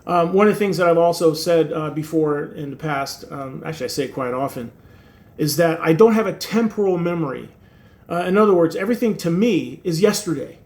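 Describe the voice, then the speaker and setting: With a fairly high, expressive voice that's a touch fast and a little mellow, the sixty-something host of his own channel talks casually to camera. He grew up in Turkey, speaks Turkish natively, and meanders along with plenty of fillers and dry self-mockery.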